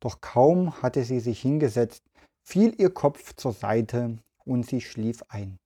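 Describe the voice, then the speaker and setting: A man hosting a children's podcast, reading a story aloud in a gentle, even way. He speaks slowly with a mellow, warm tone. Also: mid-range voice, slightly rough.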